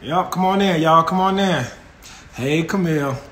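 A man in his 40s welcomes live stream viewers with laughter and an upbeat manner, broadcasting casually from his phone held close up. His voice is on the high side and a bit bright, at normal speed, with a roomy sound from the small, colored-lit indoor room.

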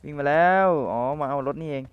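A young man casually commentating his own game match, playful and chatty with viewers and teammates, his voice a little rough from the cold. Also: fairly high pitch, steady tone, quick pace, dry recording, muffled recording.

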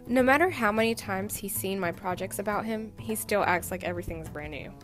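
A woman's voice: medium pitch, brisk, over music. A young woman reading a scripted, fond narration about her grandfather.

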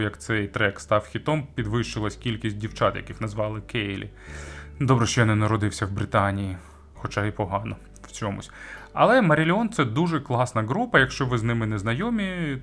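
With music in the background, a man gives a conversational review of audio gear, pausing hesitantly, stretching words, and jumping emphatically on key phrases. His voice is lowish and a bit bright.

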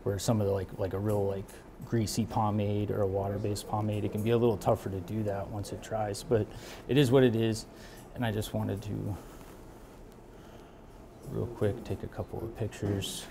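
A man in his thirties, a barber and shop owner, talking casually while he works, relaxed and rambling with many fillers, moving around the room away from the camera mic. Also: fairly low pitch, moderate pace, gravelly, background noise. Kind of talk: casual talk while working. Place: barbershop with brick walls, indoors.

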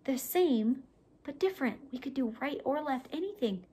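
A woman librarian leading a children's storytime, speaking gently and asking young listeners questions. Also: high-pitched, lively intonation, normal speed, breathy edge.

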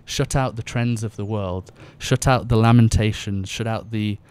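Brief: earnest male guest, lowish voice, smooth and resonant, reads scripture with feeling. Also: steady tone, moderate pace, darkish tone. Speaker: podcast guest. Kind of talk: podcast conversation with scripture reading.

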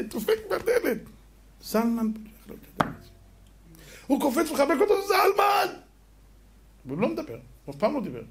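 A man giving a Torah lesson as a rabbi, telling stories lively and asking rhetorical questions. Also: high-pitched. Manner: animated, rhetorical questions, acts out quotes.

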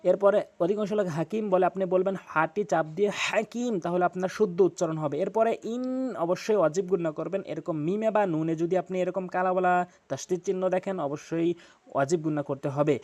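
A man teaching Quran recitation rules, explaining patiently and repeating himself, with slow chanted examples. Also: high-pitched, darkish tone.

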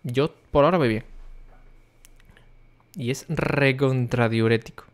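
A young man, chatting casually on a stream and talking to his viewers by name, often keeping his voice low for the neighbours. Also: normal speed. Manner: speaking quietly for the neighbours.

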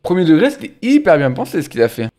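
A man's voice: on the high side, fast. French-speaking man teasing a bad player. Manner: animated, exclaims often, teasing. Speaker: streamer commenting on gameplay. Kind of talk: casual live gameplay commentary.

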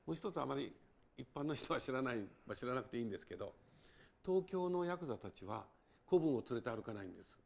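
An older man from Hiroshima talks fast as an interview guest. His voice is gravelly and his manner is lively as he tells stories. He acts out dialect speech in his quotes. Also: mid-range voice. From Hiroshima, Japan. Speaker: documentary writer, guest. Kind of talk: animated interview storytelling.

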